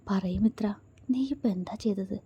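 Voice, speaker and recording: A playful young husband with a sly, coaxing way of talking, as a woman storyteller puts him on. His voice is mellow and warm and stays close and soft as he teases, in a romantic audio story. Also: on the high side, animated, measured pace, dull audio.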